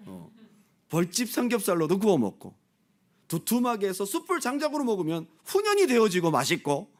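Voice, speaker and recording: A male pastor leading a Bible study, talking in an animated way and acting out the voices of crowds and people in the story. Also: sits high, moderate pace. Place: church.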